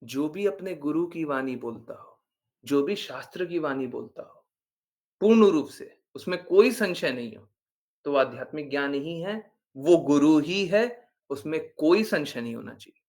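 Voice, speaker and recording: Male spiritual teacher with a slightly high voice, giving an earnest, insistent devotional talk with English words mixed in. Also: lively intonation, unhurried, darkish tone. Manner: earnest, insistent, repeats phrases for emphasis; mixes English words into speech.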